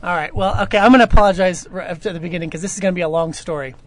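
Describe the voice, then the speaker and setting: A man's voice: high voice, racing, crowd noise. Rambling man telling a long story. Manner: rambling storyteller, frequent fillers and restarts. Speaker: audio drama producer. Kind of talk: casual podcast Q&A.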